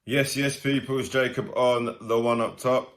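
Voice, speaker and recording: A man's voice: mid-range voice, fairly even intonation, normal speed. A young man giving a post-match fan reaction to camera, rueful and blunt, breaking into laughter between verdicts. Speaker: football fan channel host.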